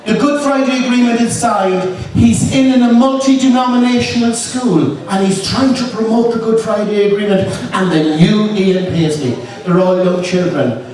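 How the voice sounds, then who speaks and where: Lilting Irish storyteller in an echoey hall. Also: male voice, sits high, moderate pace, a little mellow. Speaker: stand-up comedian. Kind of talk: live comic storytelling. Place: large indoor comedy venue. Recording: echoey distant live hall, audience noise. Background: audience laughter and ambience.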